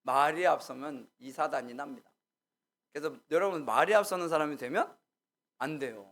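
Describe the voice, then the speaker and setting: A man's voice: on the high side, moderate pace, fairly bright tone. A male pastor giving a conversational sermon, telling stories casually, quizzing the congregation and acting out quotes. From Gyeongsang region. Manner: casual storytelling, asks the congregation questions and acts out quotes.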